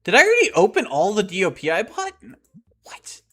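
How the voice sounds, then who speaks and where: Young male streamer, excitable and rambling, with a raised, very animated voice. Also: sits high, fairly quick, breathy edge. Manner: excitable and rambling, often laughing. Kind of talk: casual chat to live chat while playing.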